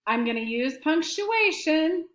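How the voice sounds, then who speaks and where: Slow, patient woman teacher, echoey room. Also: high voice, lively intonation, fairly bright tone. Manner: slow, clear teacherly prompting with dictation. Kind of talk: early-grade writing lesson to students at home.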